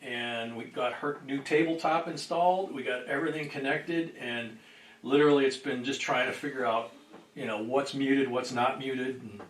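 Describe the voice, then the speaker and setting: A man hosting a casual livestream and greeting viewers, sounding distant from the boom microphone. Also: normal speed. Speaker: livestream host. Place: indoors at a table. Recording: roomy echo, distant microphone.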